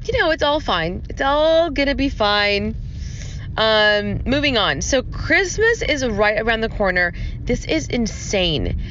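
A woman's voice: a little high, sing-song, measured pace, fairly bright tone, muffled recording, a little hiss or hum. A woman hosting a casual, chatty solo podcast in an informal, rambling, giggly way, recorded on a phone voice recorder like a dictaphone. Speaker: podcast host.

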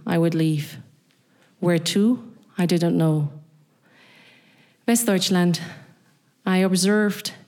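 Slow, deliberate woman with a German accent. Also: medium pitch, a little mellow. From East Berlin, Germany. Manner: slow, deliberate, addressing listener directly. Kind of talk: spoken word monologue.

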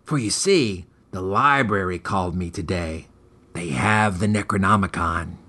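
An author and host reads scripted material as dramatic story narration, with a melodramatic, ornate storytelling manner. His voice sits low, bright and forceful, and he speaks a little slowly.

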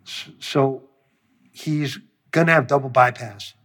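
Male producer, husky voice, profane storyteller who acts out the quotes. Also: medium pitch, slow, a bit bright. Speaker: music producer. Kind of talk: storytelling interview.

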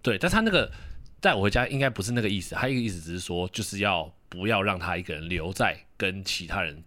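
A man's voice: low-pitched, animated, quick pace, sharp tone, dry recording. A young man hosting a podcast, telling a story in casual chat and acting out the quoted lines. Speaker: podcast host.

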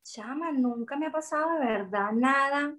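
A woman's voice: sits high, normal speed. A young woman with a Venezuelan accent, chatting casually as an interview guest and acting out others' lines as she tells stories. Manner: lively, expressive, quotes others in dialogue. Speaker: guest, food content creator.

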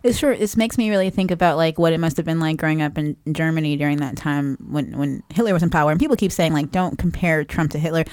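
A woman's voice: low-pitched, darkish tone, no echo, clean studio sound. A woman co-hosting a political podcast, chatting in a thoughtful, conversational way. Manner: conversational, thoughtful, quick to laugh. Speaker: podcast co-host. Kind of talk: casual political chat.

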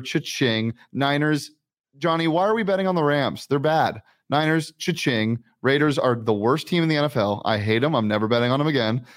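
A man hosting a sports betting show, chatting casually and rattling off his picks with quick exclamations. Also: medium pitch.

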